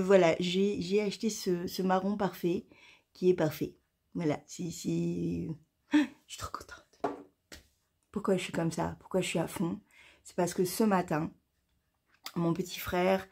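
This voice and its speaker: A woman from France talks straight to her camera in a relaxed knitting vlog. She rambles excitedly, tripping over her words and restarting sentences. Her voice sits on the low side with a slightly husky edge. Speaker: knitting vlogger. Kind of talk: casual chat to camera.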